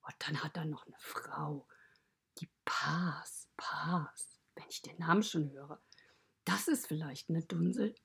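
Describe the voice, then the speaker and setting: A woman's voice: deep voice, takes it slowly, creaky, fairly bright tone, slightly rough, heavily acted. A woman voicing a friendly stable animal who narrates a children's podcast story, chatty and mostly whispered.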